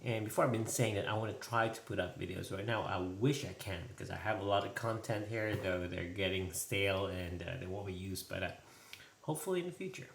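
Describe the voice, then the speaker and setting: A man's voice: low-pitched, brisk, gravelly. A man talking casually and hesitantly in an off-the-cuff vlog recorded indoors at home. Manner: hesitant, loose, off-the-cuff talk. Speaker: vlogger. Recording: echoey room, faint noise.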